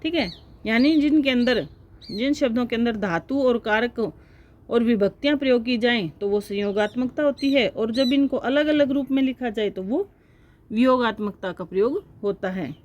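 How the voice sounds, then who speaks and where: High-voiced woman teaching Hindi grammar. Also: moderate pace, darkish tone, a little hiss or hum. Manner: explains step by step, often checks with "ठीक है". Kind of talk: exam-prep lecture.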